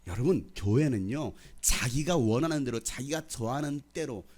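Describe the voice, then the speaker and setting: A man's voice: medium pitch, animated, normal speed, a little mellow, slight background noise. A middle-aged male pastor from the Jeolla region preaching a sermon, quizzing and teasing the congregation. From Jeolla, South Korea.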